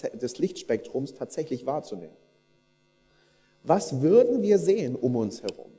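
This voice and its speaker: Man preaching with a dark voice. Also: a little high, in a large hall. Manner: conversational, addresses the congregation directly and polls them; acts out inner thoughts in quoted asides. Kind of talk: sermon.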